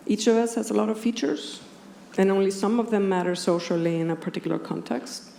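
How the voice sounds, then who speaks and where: Her delivery flat, her mid-range voice mellow, an Icelandic woman speaking with a native Icelandic accent presents a measured, precise, partly scripted academic lecture. She is a philosopher addressing a conference audience indoors, where the roomy hall leaves background noise clearly audible.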